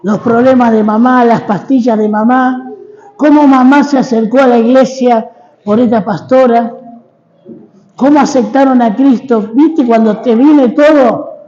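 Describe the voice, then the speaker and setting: High-voiced Argentine preacher in echoing church. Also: male voice, fairly even intonation, unhurried, warm tone, muffled recording. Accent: Argentine Spanish. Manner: dramatic testimony, calls for congregation to repeat. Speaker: guest preacher. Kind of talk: sermon. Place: church hall.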